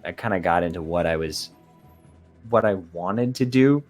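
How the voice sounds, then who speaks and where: A man chatting casually as a podcast guest, animated and joking as he rambles through a story. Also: low-pitched, normal speed, faint music behind.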